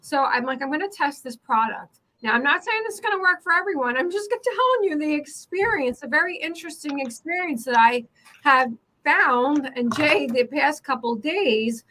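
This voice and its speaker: A woman co-hosting an online talk show, telling a story in an animated, chatty way. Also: sits high, moderate pace, poor audio. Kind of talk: casual chat.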